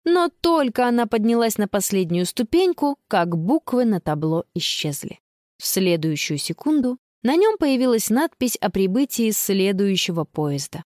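A woman narrating a children's audiobook in an expressive, dramatic manner. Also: mid-range voice, moderate pace, dry recording, clean studio sound.

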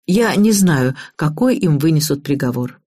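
A grave middle-aged husband, read by a woman narrator in an audiobook, speaking slowly and gloomily. The voice is low, husky and dark. The recording is dry and close. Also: animated, no echo. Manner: gloomy, slow and deliberate.

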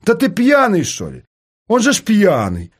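A man voicing a gruff, hostile male boxer who talks coarsely, with a husky voice. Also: high voice, huge pitch swings, a little slow, voice pushed up, exaggerated voice. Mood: scoffing.

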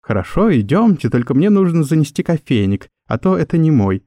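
Jumpy timid office girl, a guy doing her, squeaky, dry close sound. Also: very animated, brisk, mellow, no room sound. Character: timid nervous young female secretary.

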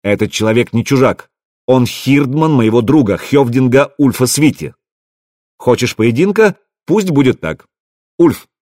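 A man's voice: medium pitch, animated, measured pace, darkish tone, no echo, studio quality. A man voicing an icy Viking chieftain. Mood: cold authority. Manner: icy, commanding. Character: stern, cold male Viking chieftain.

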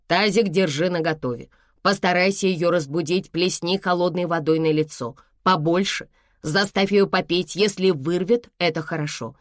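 A woman's voice: on the low side, dry recording, studio quality, natural voice. A woman voicing a cool-headed mother, a doctor, who gives curt, firm instructions.

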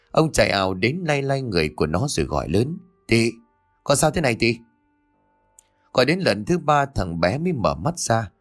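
A man narrating a ghost story audiobook with expressive storytelling. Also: fairly low pitch.

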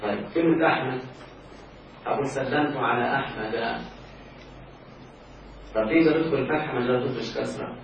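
Speaking very fast in a creaky, medium-pitched voice, a man with an Egyptian accent teaches Arabic grammar to a class and keeps checking whether his students are following. The room is very echoey, the mic sits far away, and the sound is dull with a faint hiss.

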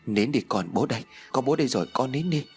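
A man voicing a worried young husband who speaks softly and soothingly to his child and wife. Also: medium pitch, expressive, quick pace, husky, faint music behind. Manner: soft and soothing. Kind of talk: audiobook character voice.

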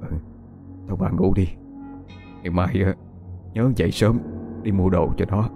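A man voicing an older grieving father who speaks haltingly. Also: low voice, over music. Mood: weary. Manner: halting, hesitant with many "ờ". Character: older grieving father, shaken, plain-spoken.

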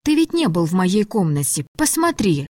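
A woman's voice: lowish voice, very animated, moderate pace, darkish tone, no echo, clean studio sound. Frightened young captive, urgent and pleading, voiced by a woman reader. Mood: anxious, pleading.

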